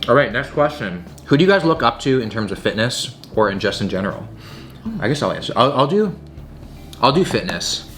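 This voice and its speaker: A young man with a lowish voice and a fairly bright tone hosts a casual Q&A chat while tasting food, answering viewer questions. He talks informally, packing in filler words and emphatic phrasing, and there's a slight hiss or hum on the recording.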